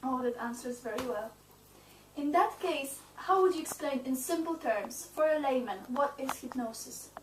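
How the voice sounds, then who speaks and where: A woman with a high voice asks short, polite questions as interviewer. She is heard from a distance in an echoey room with a faint hiss. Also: animated, moderate pace. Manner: brief, polite prompts and questions.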